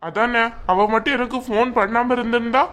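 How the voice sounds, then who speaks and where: A woman's voice: on the high side, steady tone, fairly quick, fairly bright tone, close to an everyday voice. A woman voicing a stubborn, curt young husband in a cartoon, ordering people out. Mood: angry. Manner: curt, commanding.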